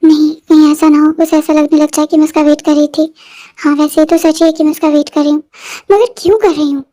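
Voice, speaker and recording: High-voiced reader doing a fretful young woman. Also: flat delivery, brisk, warm tone, natural voice. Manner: anxious, arguing with herself.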